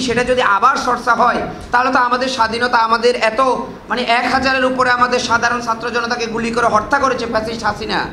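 Young man, student speaker, fast impassioned speech, high voice, echoey hall. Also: pushed and bright, a little hiss or hum. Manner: impassioned, urging listeners. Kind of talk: speech at a press meeting. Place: indoor meeting hall. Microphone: handheld mic.

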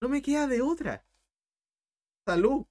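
Young Chilean male tutor, high voice, blunt, fired-up livestream talk. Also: animated, darkish tone, a little hiss or hum. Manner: blunt, impassioned, talks fast. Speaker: math tutor streamer.

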